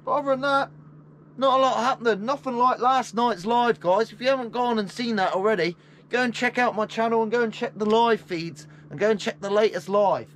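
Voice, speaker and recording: A fishing vlogger with a very high-pitched, brisk and fairly bright voice chats to viewers from a small boat, calling them "guys" in matey, slangy everyday speech. His built-in camera or phone mic sits a few feet away, and the noisy outdoor recording carries faint boat and outdoor sounds.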